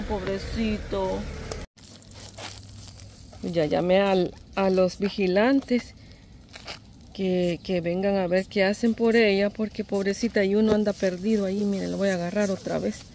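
A woman's voice: mid-range voice, a little mellow. A Salvadoran woman filming a phone vlog outdoors on a walk, talking in an anxious, tender way and sighing "ay" again and again. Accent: Salvadoran Spanish. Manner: anxious, tender, keeps saying "ay" and "pobrecito". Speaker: vlogger. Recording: outdoor phone audio, noticeable background noise.

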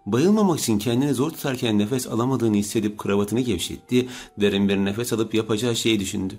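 A man narrating an audiobook in a steady, measured way. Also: lowish voice, soft background music. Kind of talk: scripted narration.

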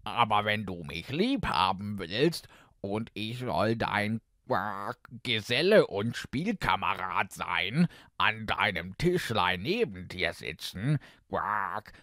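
A man voicing a pleading male frog in a storybook reading, drawing out words and croaking between them. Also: fairly low pitch, very animated, pushed and bright, dry recording, clean studio sound, exaggerated voice. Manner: slow, drawn-out croaking "quak" between words. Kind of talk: storybook narration.

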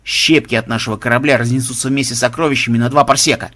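A man's voice: medium pitch, fairly even intonation, fast talker, pushed and bright. A man voicing a skeptical, grumbling male game tester in an audiobook. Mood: scolding. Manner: grumbling, scolding.

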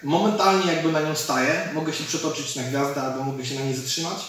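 A martial arts coach in his thirties talks quickly in a fairly high, slightly bright voice, explaining techniques as he demonstrates them hands-on. A camera mic several metres away picks him up in a large indoor gym with a fighting cage, so the sound is distant, very echoey and noisy.

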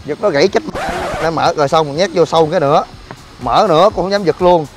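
A man's voice: fairly high pitch, fast talker, faint music behind. A man vlogging next to his car, talking in a casual, exasperated and joking way, full of slang. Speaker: vlogger and gym owner. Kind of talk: casual complaining vlog. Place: outdoors by a car at a gym.

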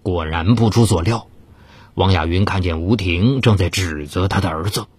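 A man's voice: moderate pace, breathy edge, no echo. A man narrating a dramatized true-crime story in a theatrical, suspenseful way. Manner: theatrical, swings of pitch for suspense.

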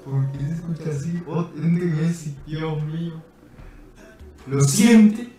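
A man's voice: takes it slowly, mellow. A man streaming a game in casual, playful chat, his voice wrapped in a heavy canyon-like echo. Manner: playful, chatty, thanks viewers by name. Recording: booming echo, voice set back from the mic, faint music.

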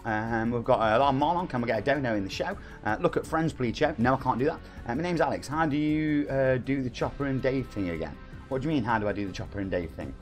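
A man's voice: mid-range voice, expressive, quick pace, faint music behind. A man in his forties with a Nottingham accent, chatting casually on a live stream and reading viewer comments aloud in a cheeky way. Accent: Nottingham English. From England. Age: 40s.

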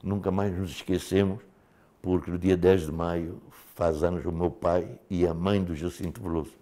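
Telling his life story in a studio interview, an older Mozambican man who fought for liberation speaks animatedly, often using casual fillers. His voice is low-pitched and his pace moderate.

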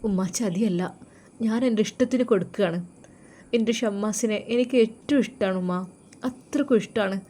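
A woman's voice: mid-range voice, moderate pace, mellow, lightly acted. A woman voicing a heartbroken devout young woman. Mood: pleading. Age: young adult. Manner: earnest, tearful pleading. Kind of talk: storytelling role voice.

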